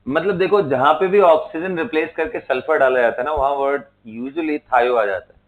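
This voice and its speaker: A man's voice: on the high side, moderate pace. A man teaching a chemistry class in a lecture style, spelling out terms letter by letter and checking in with his students. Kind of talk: classroom lecture mixing Hindi and English. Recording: tinny phone-like lo-fi sound.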